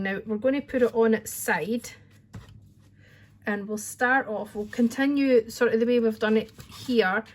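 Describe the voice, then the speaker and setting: Sitting at her craft desk, a woman from Scotland rambles in a friendly, chatty way through a card-making tutorial, using the word "wee" a lot. She speaks a little high with a darkish tone.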